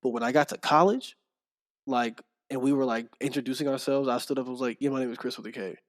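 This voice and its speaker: A young man, a podcast guest, telling stories in casual chat, animated and laughing often as he acts out what people said. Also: mid-range voice, fast.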